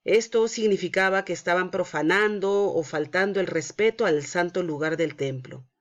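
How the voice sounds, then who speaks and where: A woman's voice: on the low side, moderate pace. Woman Sunday school teacher, storytelling for kids, slightly muffled lo-fi sound. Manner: prays then narrates a Bible story to children. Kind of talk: Bible story lesson for children.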